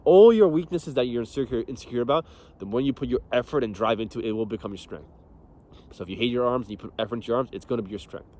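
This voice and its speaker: A young fitness coach talks casually and bluntly about training in a motivational vein, swearing often and laughing through his stories. His mid-range voice is mellow but racing. A little hiss or hum sits under the recording.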